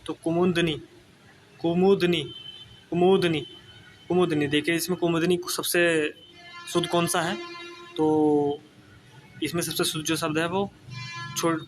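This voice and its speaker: A man running an exam-prep spelling lesson, repeating each word several times and checking in with his students as he goes. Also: a little high.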